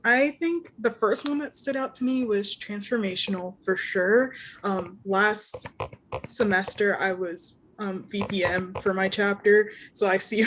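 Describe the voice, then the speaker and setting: A woman's voice: medium pitch, a little hiss or hum, rough recording. A young woman in an online workshop, speaking thoughtfully with many fillers. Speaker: workshop participant. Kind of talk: casual discussion.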